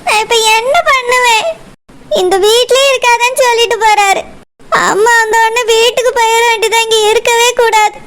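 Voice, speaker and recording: A woman's voice: very high voice, steady tone, a little fast, a bit bright. A woman voicing a tearful young wife in a cartoon, with a Kanyakumari Tamil accent, crying and pleading. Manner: crying and pleading, defending her mother. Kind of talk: cartoon voice acting.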